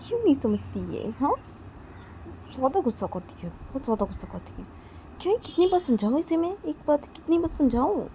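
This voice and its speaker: Manisha, played by a woman as a firm young mother, scolding in a low, dark tone and repeating her orders over and over. A faint hiss sits under the voice. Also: close to an everyday voice.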